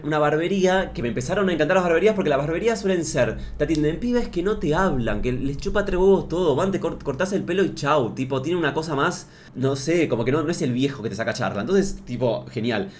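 Fast-talking sarcastic Argentine man. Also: a little high, animated, slight background noise. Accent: Argentine Spanish. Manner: sarcastic, exaggerated storytelling. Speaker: comedy youtuber. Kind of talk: comedic rant to camera.

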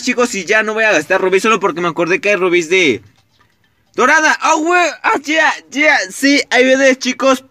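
Young mexican man, high voice, crisp and clear, dry close sound, excitable, swears a lot, gaming commentary. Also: no room sound. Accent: Mexican Spanish. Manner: excitable, swears often, talks straight to viewers. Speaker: gaming YouTuber. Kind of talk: casual gameplay commentary.

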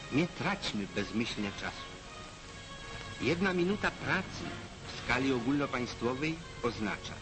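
A man giving old newsreel narration, measured and declamatory, exhorting his listeners. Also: mid-range voice, low-quality recording. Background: music score under the voice.

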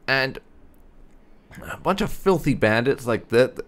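A man hosts a roleplay video game playthrough, offering casual, wry commentary peppered with sarcastic asides. His voice sits at a medium pitch with lively intonation, a measured pace, and a fairly bright tone.

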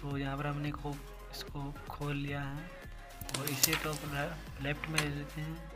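A man gives a running voice-over of his own mobile carrom game, explaining each shot as he plays it. His voice sits a little high and stays level in pitch. Game music plays clearly behind him. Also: monotone, unhurried. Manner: talks through each shot, calls viewers "guys". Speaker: gaming channel host. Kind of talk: casual gameplay commentary.

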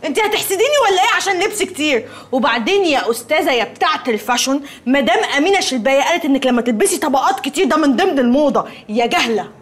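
An actress with an Egyptian accent playing a brash, sharp-tongued poor young woman who mocks and jeers at others. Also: sits high, animated, racing. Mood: mocking. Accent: Egyptian Arabic. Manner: mocking and loud-mouthed. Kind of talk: TV comedy series acting.

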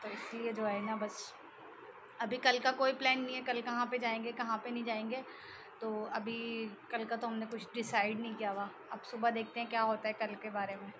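A young mother chats casually in a home vlog, speaking a little fast in a slightly high, level voice with background noise behind her. Her talk is loose and repetitive, peppered with the filler "jo hai na."

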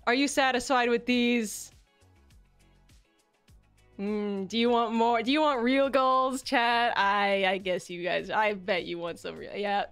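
A woman with a fairly high voice chats casually to her livestream audience. She is playful and giggly, often poking fun at herself. Light music plays behind her. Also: fairly even intonation, takes it slowly, a bit bright, clear, resonant tone. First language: English. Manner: playful, giggly, self-deprecating. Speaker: streamer. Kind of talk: casual livestream chat, debut introduction. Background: background music.

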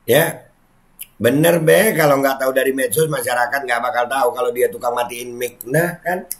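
A man's voice: mid-range voice, moderate pace. A man chatting casually as he reads viewer comments aloud and reacts to them with frequent exclamations.

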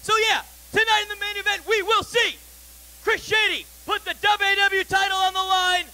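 A man's voice: very high-pitched, level tone, moderate pace, pushed and bright. A young man playing the boss in a wrestling promo, making emphatic announcements with stretched-out words. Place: brick-walled indoor wrestling venue. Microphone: handheld microphone.

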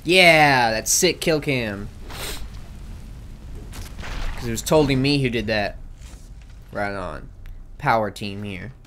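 A man's voice: lowish voice, slow pace, pauses often, a little hiss or hum. A man hosting a gaming video with casual, rambling, jokey and slangy commentary.

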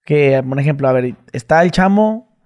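A man interviewing a guest, asking curious, quick questions in a casual chat. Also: fairly high pitch, lively intonation, darkish tone.

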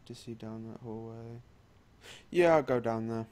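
A man's voice: medium pitch, measured pace, a little mellow. A man playing a tabletop game who states his moves in a blunt, decisive, casual way. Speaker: player.

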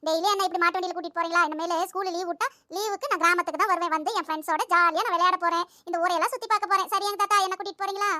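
A woman voicing an excitable young schoolgirl in a cartoon, pleading and whining in a childlike way. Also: very high voice, racing, hardly any pauses, no echo, clean studio sound. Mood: delighted. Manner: pleading, whining, then gushing. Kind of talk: cartoon voice acting.

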